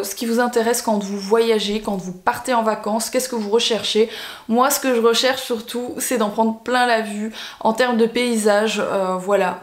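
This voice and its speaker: A young woman from Belgium chatting casually to camera in a vlog, with lots of fillers and restarts. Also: fairly high pitch. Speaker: vlogger. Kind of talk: casual sponsored vlog chat. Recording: echoey room.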